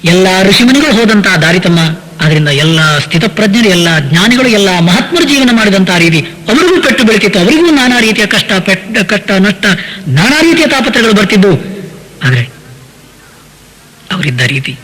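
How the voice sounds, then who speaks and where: A man giving a devotional discourse on poetic verses. He asks his listeners rhetorical questions, calls them sir, and slowly chants verses between his spoken explanations. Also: sits high, big pitch swings, fairly bright tone, long reverb tail, poor audio. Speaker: spiritual lecturer.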